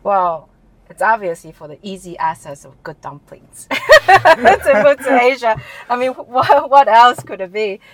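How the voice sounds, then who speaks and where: A woman's voice: fairly high pitch, big pitch swings, a little slow, very noisy. A woman who grew up in Taiwan, answering interview questions in a chatty way with frequent laughs and restarts. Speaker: interview guest, chief information officer.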